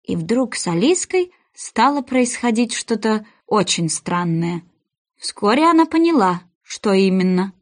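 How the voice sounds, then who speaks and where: A woman's voice: mid-range voice, big pitch swings, a little slow. Woman reading a storybook expressively. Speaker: narrator. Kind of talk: storybook narration.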